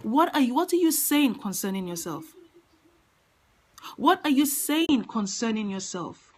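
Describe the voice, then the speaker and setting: A woman with a fairly high voice gives an earnest motivational talk. She speaks with emphasis and comes back to her main lines again and again to drive them home. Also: big pitch swings, a little slow, darkish tone, rough recording. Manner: earnest, emphatic, repeats key phrases.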